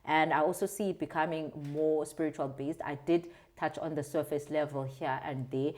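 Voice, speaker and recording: A woman from the Transkei with a South African accent, giving earnest, expressive conversational answers as an interview guest. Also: low voice, normal speed. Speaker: interview guest, video creator.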